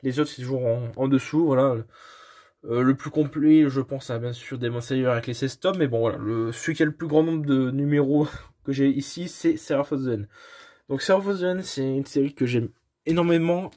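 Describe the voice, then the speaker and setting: A man's voice: medium pitch, moderate pace, warm tone. Hesitant man filming a phone walkthrough. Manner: hesitant, many fillers and restarts; self-deprecating, apologetic asides. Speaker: vlogger showing his manga collection. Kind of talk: casual home video tour. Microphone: phone held at arm's length.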